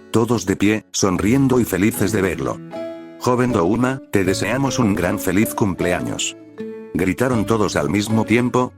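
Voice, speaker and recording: A low-pitched man reads a fan fiction story aloud at an even, steady storytelling pace. Soft music plays faintly beneath his voice. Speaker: narrator.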